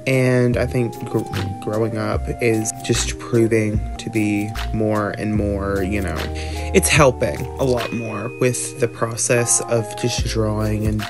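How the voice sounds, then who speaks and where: A teenage boy with a stuffy, congested nose, rambling in a casual, self-mocking voiceover from his bed. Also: mid-range voice. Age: teens. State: nasal congestion. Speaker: art vlogger. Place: bedroom, sitting in bed. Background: background music.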